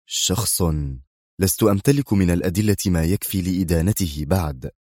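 A man's voice: lowish voice, a little fast, a little mellow, no room sound, studio quality, natural voice. A man reading the part of a harsh, defiant male army colonel in a storybook reading. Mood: severe, defiant. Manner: severe, clipped.

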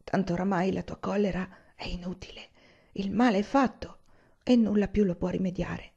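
A woman's voice: mid-range voice, normal speed, creaky, husky. Woman whispering as a desperate pleading young woman. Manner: hushed, pleading. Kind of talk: whispered role-play. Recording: dull lo-fi recording.

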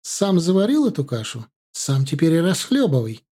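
A man's voice: a little high, lively intonation, normal speed, pitched above the performer's own voice. A man voicing an irritable, reproachful middle-aged mother who runs a kindergarten, in an audiobook. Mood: indignant. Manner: sharp, reproachful, indignant. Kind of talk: audiobook character voice.

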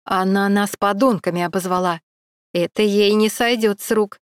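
A woman's voice: mid-range voice, steady tone, moderate pace, no room sound, clean studio sound, lightly acted. A woman doing a sneering drunk young thug. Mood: mocking. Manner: sneering, mocking. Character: tipsy mocking young male street thug.

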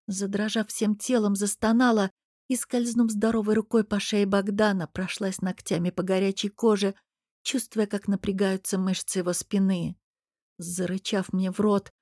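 A woman narrating a romance novel in the first person with an even, measured reading. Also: medium pitch, no echo, clean studio sound. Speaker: audiobook narrator.

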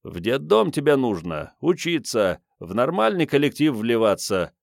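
A grumbling, sardonic Soviet comrade, voiced by a male audiobook reader. He lectures in a gruff, mocking way, close and dry. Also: medium pitch, sing-song, normal speed, no room sound, pitched above the performer's own voice. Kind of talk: audiobook reading.

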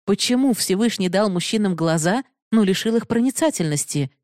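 A woman's voice: mid-range voice, animated, brisk, darkish tone, no room sound, clean studio sound, voice pushed up, close to an everyday voice. A woman voicing a proud, passionate young woman who pleads bitterly for love, raised and emotional. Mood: pleading, bitter.

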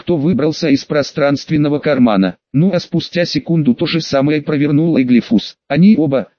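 A man reading a fantasy audiobook in steady, dramatic scripted narration. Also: a little high, moderate pace, no room sound, highs cut off.

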